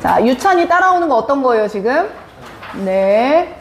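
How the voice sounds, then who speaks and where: A woman teaching a live English class, her high voice leaping around as she fires questions at the students and teases them. The sound is roomy and echoey, with a faint hiss underneath. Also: normal speed. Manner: lively, questioning students, teasing.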